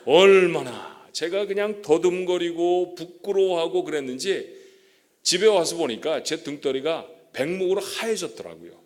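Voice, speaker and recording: Preaching in a church sanctuary, this guest pastor speaks at a moderate pace in a voice on the high side. He talks with the congregation in a conversational way, checks in with them frequently, and says he has a stutter.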